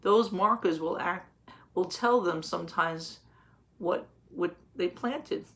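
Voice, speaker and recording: Sitting close to a webcam in a small home office, a teacher in her thirties reads a picture book to young children in a lowish voice. Her delivery is gentle, and she stops to pose questions and put words into simple terms.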